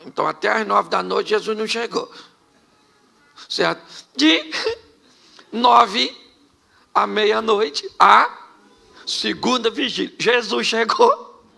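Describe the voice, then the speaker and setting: A Brazilian man preaching a humorous storytelling sermon, animated and joking, often laughing between phrases. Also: sits high, slow, gravelly, long pauses. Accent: Brazilian Portuguese. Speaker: pastor.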